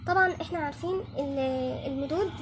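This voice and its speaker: A woman's voice: high-pitched, fast talker, over music. A woman with an Egyptian Arabic accent teaching Quran recitation step by step, patiently repeating each sound several times to demonstrate it. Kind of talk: step-by-step tajweed lesson.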